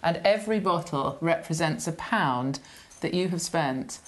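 A woman's voice: lowish voice, expressive, measured pace. A woman presenting a reality TV show, teasing and pointed as she confronts someone about money.

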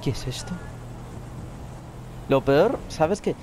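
A man's voice: on the high side, lively intonation, takes it slowly, warm tone. Give me a young man co-hosting a podcast, casual and crude, over a noisy background. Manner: crude, joking, laughs often. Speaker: podcast co-host. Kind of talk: casual chat while gaming.

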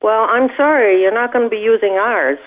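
A woman's voice: on the high side, fairly quick. Woman over a landline phone, tinny line, curt and refusing. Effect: heard over a landline phone. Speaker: call recipient. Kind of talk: phone conversation.

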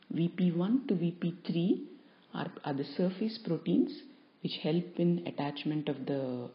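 A woman lecturer explaining a topic to students in a measured, explanatory way, stressing key terms. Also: sits low. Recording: dull lo-fi recording.

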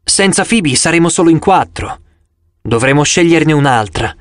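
A man's voice: a little high, animated, normal speed, dry recording, studio quality, lightly acted. A man voicing a young girl huntress, anxious and pleading, in an audiobook. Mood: protesting.

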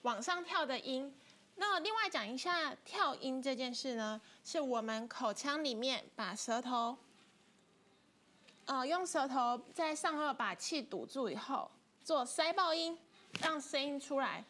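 A woman's voice: high voice, expressive, a little slow, pushed and bright. A woman teaching an online flute class, patiently explaining technique step by step. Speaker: music teacher. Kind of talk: online instrument lesson.

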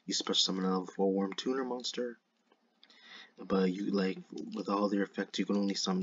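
A man's voice: low voice, slightly rough, dry recording. A man with a lisp and slushy s sounds, giving casual commentary over a card game replay on a dull microphone.

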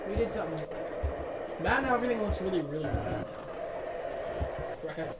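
A man's voice: sits high, expressive, a little fast, heavy background noise. A man co-playing a horror game, teasing his friend and joking around in casual let's-play chat. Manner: teasing, joking, laughs often. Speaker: co-player and channel host.

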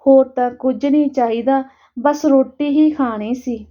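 A woman voicing a simple, plain-spoken woman who coaxes gently. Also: high voice, a little slow, dull audio. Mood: coaxing.

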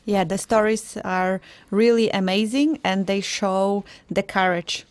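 A woman's voice: mid-range voice, a little slow, no room sound. A young woman co-hosting a live radio show, upbeat and reflective in casual talk. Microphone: studio microphone.

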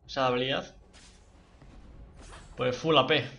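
A man giving live gameplay commentary, excitable and swearing a lot as he talks to his teammates. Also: medium pitch, unhurried, creaky, highs cut off. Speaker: livestreaming gamer.

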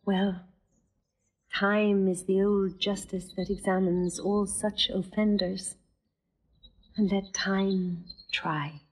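Playing Rosalind in a stage drama, this actress has a husky, medium-pitched voice with little pitch movement. She portrays the witty young woman in love as teasing, playful and quick-witted.

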